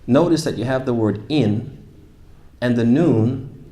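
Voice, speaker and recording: An animated male teacher runs a hands-on recitation class. He demonstrates each sound himself, poses questions to the room and keeps the students engaged. His voice sits at a middling pitch. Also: slow pace, reverberant. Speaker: tajweed teacher. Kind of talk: classroom tajweed workshop.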